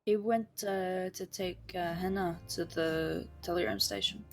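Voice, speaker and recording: A woman's voice: on the low side, steady tone, a little slow, soft background music. A woman in casual role-play chat, talking in a breezy, slangy, irreverent way.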